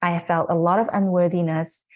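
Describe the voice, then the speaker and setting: Speaking at a moderate pace with fairly even intonation and a fairly low voice, a guest speaker in her forties from Malaysia presents earnestly on her life and work. She reflects as she talks, using many fillers.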